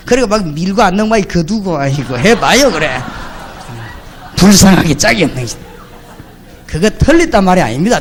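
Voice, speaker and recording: Animated high-pitched male preacher. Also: gravelly. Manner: colloquial storytelling with rhetorical questions to the congregation; emphatic, punchy exclamations. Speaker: pastor. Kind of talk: sermon.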